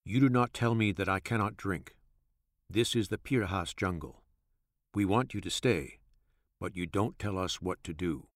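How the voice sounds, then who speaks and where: A man's voice: low voice, moderate pace, no echo, clean studio sound. A man voicing a sullen, angry village man who speaks in curt, defiant sentences in a storybook reading.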